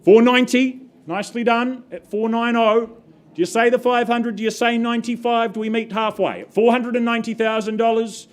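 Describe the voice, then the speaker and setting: High-voiced woman auctioneer calling bids. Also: steady tone, moderate pace. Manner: calls out bids and repeats figures in short phrases, prompting bidders.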